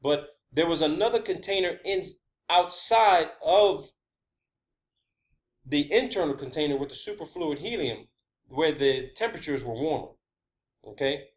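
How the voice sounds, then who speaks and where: On the high side and animated, his voice keeps a measured pace as he explains his personal theories to camera. It's a loose, emphatic monologue full of swearing and repeated phrases, with frequent check-ins like "okay" and "all right."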